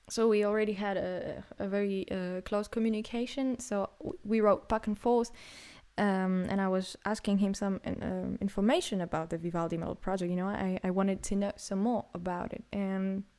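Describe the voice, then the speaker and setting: Taking her time with interview answers, a young adult singer and songwriter from Greece uses lots of fillers and restarts. Her voice is medium-pitched and a little mellow.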